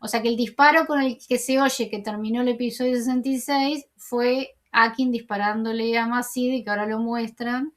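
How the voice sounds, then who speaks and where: A woman's voice: fairly high pitch, steady tone, moderate pace, few pauses. A woman casually recapping dramatic TV series scenes, rambling with many fillers and self-corrections. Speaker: TV series commentator.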